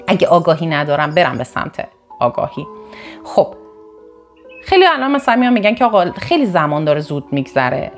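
Woman, from northern Iran, motivational talk, fairly low voice, sudden emphatic pitch rises, restarts mid-sentence, faint music behind. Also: big pitch swings. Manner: repeats and corrects herself mid-sentence. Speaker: motivational speaker. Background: faint background music.

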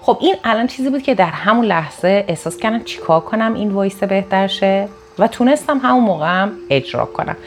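A woman giving a recorded self-help lesson in a conversational way, deliberately raising and lowering her tone as she talks. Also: animated. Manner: deliberately varies tone and loudness, conversational. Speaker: self-help course teacher.

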